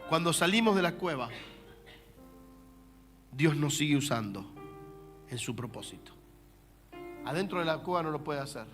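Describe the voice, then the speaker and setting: An Argentine pastor with a high voice preaches in an animated, conversational way and keeps turning to the congregation with asides. Soft instrumental music plays faintly under his words. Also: normal speed, long pauses. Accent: Argentine Spanish. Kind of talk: sermon.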